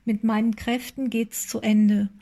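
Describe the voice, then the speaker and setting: An exhausted male farmhand mutters grimly to himself, as a woman reader speaks his lines. His voice stays level and unhurried, with a mellow, darkish tone. It sounds like a passage read aloud from a storybook. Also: fairly high pitch, little pitch movement, gravelly. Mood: weary. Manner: weary muttering.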